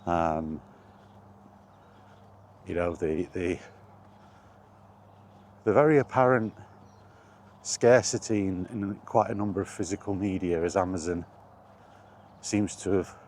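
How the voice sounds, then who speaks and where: Speaking slowly with long pauses, a British vlogger with a low, darkish voice gives his blunt, opinionated take, swearing mildly as he rambles. A little hiss or hum runs underneath.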